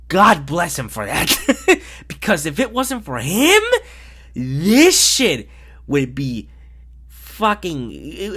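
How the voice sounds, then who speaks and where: A man reviewing a film in a loose, casual way, blunt and openly exasperated. His pitch swings widely as he talks, and he swears without a second thought. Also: pushed and bright, breathy edge.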